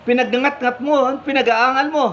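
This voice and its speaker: A man voicing a stern, fair-minded male vineyard owner who questions his workers firmly and deliberately. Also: very high-pitched, fairly even intonation, fairly bright tone. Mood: questioning. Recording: slightly muffled, faint background hum.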